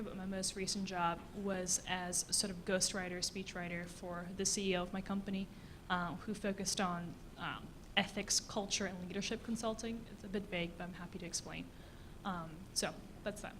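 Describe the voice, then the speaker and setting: A young woman in her twenties gives a brief, light self-introduction on a panel. Her voice sits mid-range, and room ambience is clearly heard behind her. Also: medium pitch, steady tone, a little fast, few pauses, background noise. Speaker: panelist, freelance writer.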